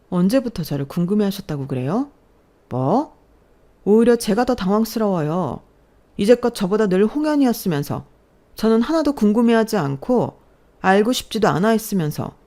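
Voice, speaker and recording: A woman's voice: lowish voice, sing-song, moderate pace, mellow, pitched above the performer's own voice. A woman voicing a resentful grown daughter arguing heatedly with her parents. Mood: defiant. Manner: defiant, heated.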